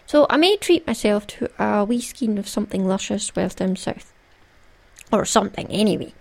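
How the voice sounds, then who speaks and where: A woman's voice: mid-range voice, lively intonation, moderate pace, gravelly, darkish tone. A Scottish woman hosting a solo craft podcast in a playful, conversational, jokey way. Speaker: podcast host.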